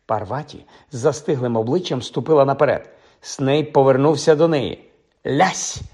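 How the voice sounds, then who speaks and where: A man reading a fantasy story aloud as an audiobook narrator, steady and vivid. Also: mid-range voice, brisk, slightly rough.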